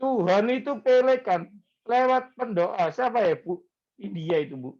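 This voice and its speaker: A male pastor, preaching in a slow, conversational way and mixing in words. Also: sits high, expressive, darkish tone, muffled recording. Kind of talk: sermon.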